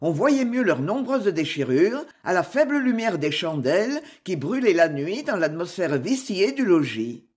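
A narrator reading a classic novel aloud in measured, expressive scripted narration. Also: mid-range voice. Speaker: audiobook narrator.

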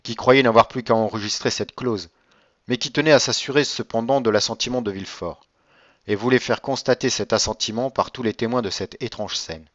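Dry, measured male audiobook narrator. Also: medium pitch, a bit bright, no echo. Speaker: audiobook reader. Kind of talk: scripted narration. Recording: dry, slightly dull recording.

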